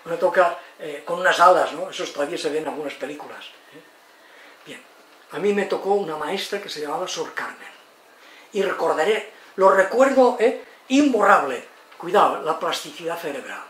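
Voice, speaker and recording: An older man in his eighties from Spain, giving a lecture in an expressive way, often asking "eh?" and acting out the people he quotes. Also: fairly high pitch, normal speed. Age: 80s. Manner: expressive, tag questions, acts out quotes. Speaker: lecturer on psychology and education. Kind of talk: lively lecture talk. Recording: roomy, distant mic, faint noise.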